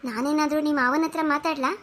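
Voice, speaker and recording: A firm, caring cartoon heroine. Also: female voice, high voice, steady tone, quick pace, fairly bright tone, slight background noise. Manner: firm, encouraging. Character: young wife, firm, caring elder sister.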